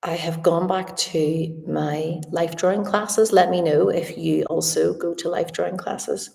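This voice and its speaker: A middle-aged woman with a slight slushy lisp from a retainer, chatting casually on a livestream in a reflective, halting way. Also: lowish voice, steady tone, creaky, darkish tone. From Northern Ireland. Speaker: artist and art teacher hosting a live Q&A. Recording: echoey room, distant from the mic.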